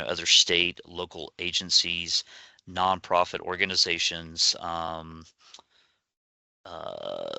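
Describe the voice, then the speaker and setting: A man presenting as a state equity ombudsman in a webinar, halting with many fillers and restarts. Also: low voice, sharp tone, dry recording. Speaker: rural and frontier equity ombudsman.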